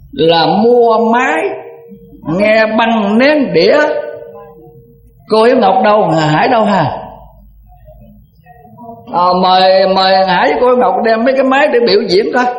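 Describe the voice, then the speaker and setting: Older monk, folksy and rambling, long hall reverb. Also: male voice, sits high, normal speed, pauses often, muffled recording. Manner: folksy, rambling, with repeated words. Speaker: Buddhist monk. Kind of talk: dharma talk to an assembly. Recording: echoey hall recording.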